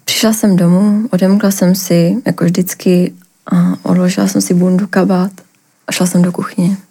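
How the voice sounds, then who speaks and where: A young woman from the Ostrava region giving a personal account as a podcast guest, talking haltingly with lots of filler words. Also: on the low side, little pitch movement, dark tone, breathy edge.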